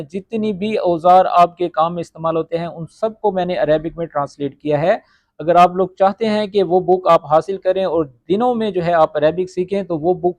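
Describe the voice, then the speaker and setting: A man teaching spoken Arabic phrases, saying each phrase slowly and checking with his listeners as he explains. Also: sits high, darkish tone, no echo. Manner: repeats Arabic phrases slowly, often asks "ٹھیک ہے؟".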